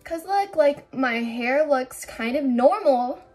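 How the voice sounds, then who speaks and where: A young woman talks through a home vlog in a high, chatty voice, rambling and often restarting mid-thought. She sounds a little anxious as she goes. Soft background music sits faintly under her camera-mic audio. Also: animated, takes it slowly. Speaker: beauty vlogger. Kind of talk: casual vlog chat.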